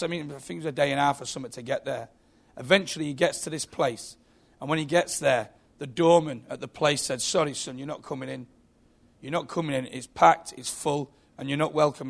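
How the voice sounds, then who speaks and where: A man's voice: medium pitch, gravelly. A man preaching a sermon in a church, telling stories with frequent restarts and repeated words.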